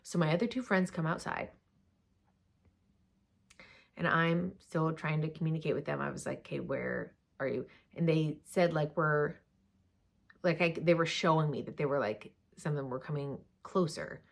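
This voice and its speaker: A young woman telling a personal story in a casual, chatty way, full of fillers and quick asides. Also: deep voice, vocal fry.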